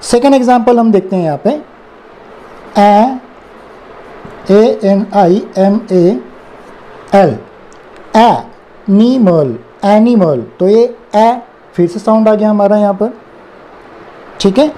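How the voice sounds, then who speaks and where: A man with an Indian accent gives a slow, explanatory English phonics lesson, spelling words letter by letter and repeating them. His high-pitched voice is mellow, with a slow pace and long pauses, and there's a little hiss or hum on the recording.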